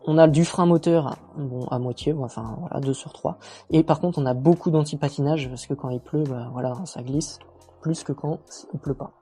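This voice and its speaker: Male vlogger, casual walkthrough, mellow warm voice, easygoing and self-mocking. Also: a little high, moderate pace, husky, soft background music. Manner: relaxed, chatty, many fillers and self-mocking jokes. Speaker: motorcycle reviewer.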